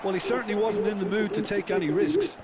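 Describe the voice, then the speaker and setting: A man voicing a football video game co-commentator, giving measured analytical remarks. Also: sits high, close to an everyday voice. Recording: loud stadium noise behind.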